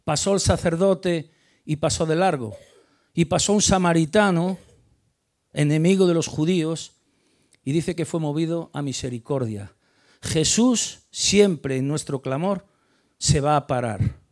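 A man delivering a sermon, his voice gravelly with fry and pitched a little high. He talks emphatically, rising to loud stressed words and sinking quiet again. He often stumbles and repeats words as he restarts a phrase. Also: measured pace. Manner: emphatic, builds to loud stressed peaks then drops quiet. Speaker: preacher. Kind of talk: sermon on a Bible passage.

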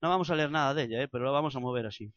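A man with an accent from Spain preaching a sermon, building to loud impassioned passages and acted prayers. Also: medium pitch, racing, dry recording, highs cut off. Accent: Spanish from Spain.

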